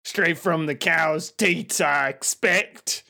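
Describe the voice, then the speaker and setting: A woman voicing an eccentric old male hillbilly prospector with a gruff mountain-man drawl in a tabletop game. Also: deep voice, slow pace, bright, forceful tone, heavily acted. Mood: folksy, self-important. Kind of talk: improvised tabletop role-play.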